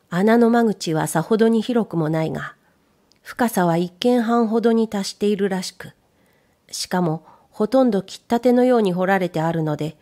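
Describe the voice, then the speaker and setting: Calm mellow Japanese woman narrating. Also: mid-range voice. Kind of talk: scripted narration of a period story.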